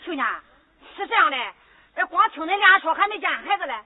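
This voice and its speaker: Firm old Henan mother, very high voice, tinny recording with audience. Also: animated, moderate pace, crowd noise. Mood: firm reasoning. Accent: Henan dialect. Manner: firm, reasoning, pleading. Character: firm old mother defending her son. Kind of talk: comic folk opera dialogue.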